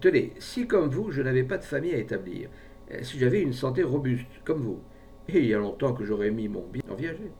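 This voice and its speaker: A man's voice: mid-range voice, very animated, brisk, dark tone, distant mic, slight background noise. Man playing a scheming, wheedling pharmacist. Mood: scoffing. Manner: persuasive, wheedling, falsely jovial. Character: scheming smooth-talking male pharmacist.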